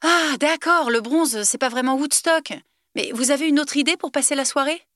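A woman's voice: high voice, normal speed, bright, forceful tone, no room sound, voice pushed up. A woman narrator voicing a restless teenage heroine with a dry, teasing way of talking. The audiobook sound is close and dry. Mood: wry.

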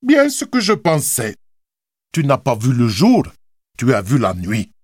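A man's voice: medium pitch, wildly swooping pitch, measured pace, studio quality. A man reading an audiobook, voicing a blunt, scornful uncle with a cavernous voice and a mocking, emphatic delivery. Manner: mocking, emphatic, swings from loud to hushed. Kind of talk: audiobook character voice.

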